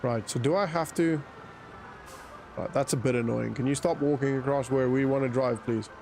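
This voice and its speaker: A gravelly, slightly mellow mid-range voice belongs to a South African game streamer whose accent combines South African and British. He speaks at normal speed with fairly even intonation, chatting casually, thinking aloud and answering chat, with a little hiss or hum present.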